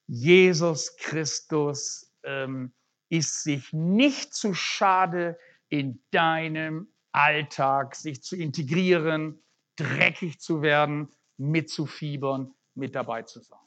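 A preacher delivers a sermon, groping for words and frequently starting phrases over, while his pitch and volume rise and fall energetically. The recording is dull and lo-fi.

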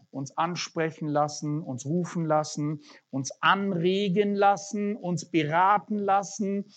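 A preacher giving a sermon, searching for words and often restarting phrases, with lively swings in pitch and loudness. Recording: dull lo-fi recording.

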